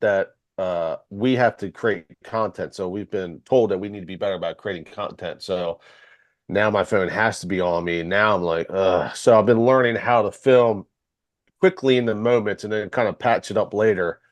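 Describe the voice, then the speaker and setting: A man's voice: on the low side, normal speed, no echo. A man in his thirties in a casual podcast chat, laid-back and swearing, acting out his own thoughts as he tells them. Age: 30s.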